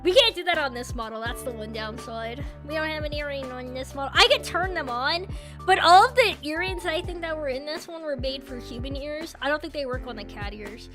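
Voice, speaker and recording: A woman streamer chatting casually with viewers in a cute, playful anime-streamer manner, jumping between excited squeals, loud shouts and quieter muttering. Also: high-pitched, fairly quick, music in the background. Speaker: streamer and host of a live stream.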